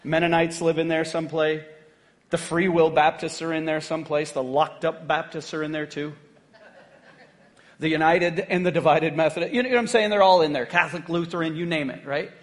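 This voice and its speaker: An American pastor with a voice on the high side preaches a conversational sermon to his church at a fairly quick, steady pace, joking and often checking in with the congregation.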